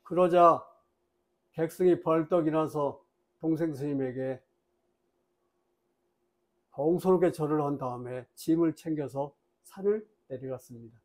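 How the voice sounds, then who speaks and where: High-voiced man giving a dharma talk. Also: a little slow, pauses often. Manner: lively storyteller, acts out voices in his tales; plain, explanatory lecturing. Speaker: Buddhist dharma lecturer.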